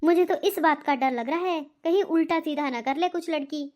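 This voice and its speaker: A woman's voice: sits high, normal speed, darkish tone, natural voice. A woman voicing an anxious, pleading middle-aged mother in a cartoon. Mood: worried. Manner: pleading, worried. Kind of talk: cartoon voice acting.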